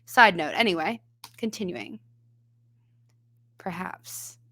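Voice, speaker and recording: A woman's voice: mid-range voice, fairly quick. A woman voice teacher giving analytical reaction commentary, explaining singing technique step by step.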